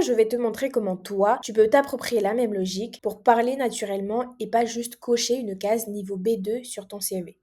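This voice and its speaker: A young woman from Mayotte, a language coach, speaking straight to the viewer in a persuasive pitch video. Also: warm tone. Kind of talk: direct-to-camera pitch video.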